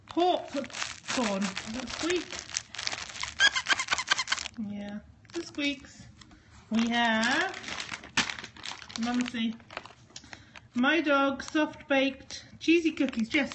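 Against a noisy background, a high-voiced woman chats casually with her dogs as she opens a package at home for an unboxing video. Her tone is sing-song and coaxing.

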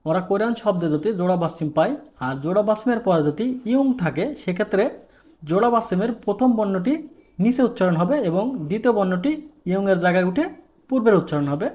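A man's voice: sits high, lively intonation, fast, dark tone. A man from Bangladesh teaching a language lesson, asking questions and answering them himself, repeating the key points. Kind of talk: explaining a lesson.

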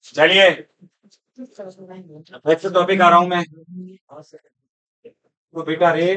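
A male teacher lecturing his class, his voice sitting a little on the high side. He talks rhetorically and keeps asking the students whether they are following him. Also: flat delivery, takes it slowly, pushed and bright, highs cut off.

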